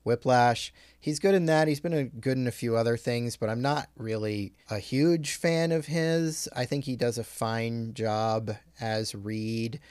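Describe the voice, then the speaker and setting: A man's voice: medium pitch, unhurried, hardly any pauses, darkish tone, clean tone, no room sound, studio quality. A man hosting a casual film discussion podcast, recapping scenes in a conversational way. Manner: leads the recap, conversational with fillers. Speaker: podcast host.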